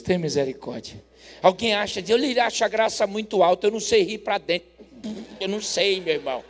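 A Brazilian man in his forties preaching as a pastor, telling a story with lively acted dialogue and loud laughter. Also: high voice. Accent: Brazilian Portuguese. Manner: animated, acts out both sides of a dialogue, laughs loudly. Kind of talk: sermon storytelling. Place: church. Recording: long reverb of a church hall.

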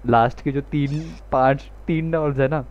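A man streaming a co-op game with friends, giving orders and shouting high when he panics. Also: fairly even intonation, moderate pace, muffled recording. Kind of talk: excited co-op gameplay chatter.

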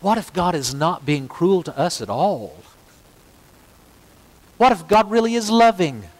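A man's voice: sits high, lively intonation, measured pace. A pastor preaching a sermon, telling a story and acting out both sides of an imagined talk with his young daughter. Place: church sanctuary. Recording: long hall reverb.

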